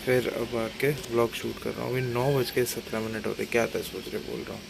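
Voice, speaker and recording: A man's voice: medium pitch, little pitch movement, brisk, creaky. A man vlogging casually on his phone from an apartment balcony, rambling and correcting himself as he chats to viewers. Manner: rambling, self-correcting, chatty asides to viewers. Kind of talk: casual solo vlog chat. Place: apartment balcony in rainy weather. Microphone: phone camera. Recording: loud background noise.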